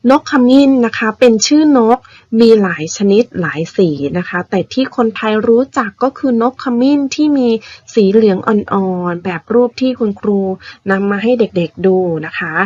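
A woman primary school teacher patiently explaining vocabulary words to young children, spelling them out slowly. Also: medium pitch, lively intonation, darkish tone, no room sound, dull audio. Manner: patient, spells words out slowly, ends phrases with polite particles.

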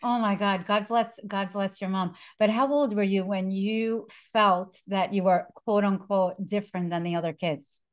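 A woman hosting an interview, earnest and emotional, pausing with fillers as she looks for words. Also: mid-range voice, steady tone, no room sound, clean studio sound. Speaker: podcast host.

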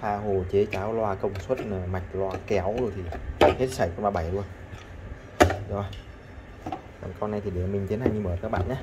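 Amid very noisy audio, a man tests scrap electronics in a relaxed hands-on vlog, chatting to his viewers and repeating himself. His voice is lowish and steady, at a moderate pace with long pauses.

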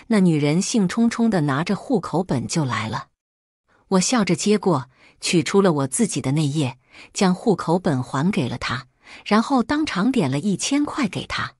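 A woman narrates a first-person story in a calm, steady read. Her voice sits low and sounds husky. The recording is dry, with no room around it. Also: dry recording.

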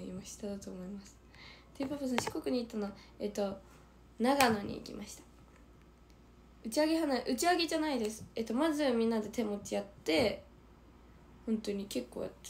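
A woman with a Kansai accent and a hoarse, strained throat, chatting casually on a livestream and reading out viewer comments, often dropping into a breathy whisper. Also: fairly high pitch, a little mellow, a little hiss or hum. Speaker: idol livestreamer.

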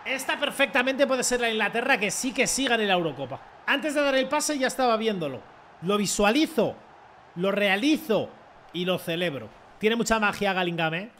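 A young man with a Spain Spanish accent, commenting his own football video game in an excitable, mocking way and swearing often. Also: sits high, normal speed, a little hiss or hum. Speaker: gaming content creator. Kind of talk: casual gameplay commentary.

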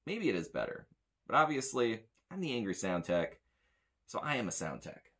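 An American sound tech in his thirties gives a casual, rambling gear review in a blunt, grumbling way from a small indoor room with metal shelving. His voice is fairly low and a bit bright, with big swings in pitch at a normal speed.

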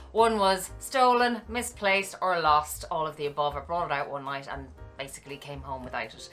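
This is a woman talking to her camera as a handbag and fragrance vlogger. Her voice sits a little low yet sounds bright and forceful. She chats effusively with her viewers while faint music plays behind her. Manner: chatty and effusive, thanks viewers warmly and often. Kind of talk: casual vlog chat to camera.

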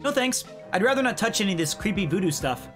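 A man's voice: high voice, sing-song, quick pace, music in the background. A man voicing a young male would-be pirate who is squeamish and dryly sarcastic. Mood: wry. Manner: dry, sarcastic asides.

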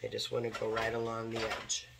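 A man with a hoarse voice from a cold, casually talking through a craft project step by step as he works. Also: on the low side, monotone, brisk, background noise. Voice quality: gravelly. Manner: talks while working, moving near and far from the mic. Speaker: craft tutorial host.

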